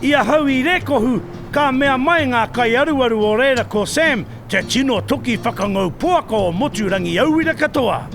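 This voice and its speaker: A man's voice: very high voice, animated, brisk, hardly any pauses, a bit bright. A man delivering spirited documentary narration. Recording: music under the voice.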